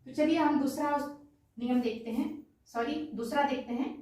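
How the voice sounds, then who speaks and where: A high-voiced woman leads an exam-prep grammar lesson, asking a question and answering it herself before repeating the answer. She sounds far from the mic in a very echoey room. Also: normal speed, warm tone. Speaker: teacher.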